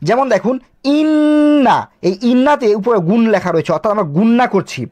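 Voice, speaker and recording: Quick, high-voiced man demonstrating a product. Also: expressive, a little mellow. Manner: explains step by step, pointing at the page; sounds out recitation examples slowly. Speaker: bookshop presenter.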